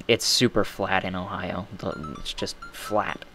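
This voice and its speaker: Young man, low voice, rambling live game commentary, faint music underneath. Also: animated, slow pace, creaky, fairly bright tone. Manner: rambling and self-deprecating, full of fillers and asides. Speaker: gaming streamer.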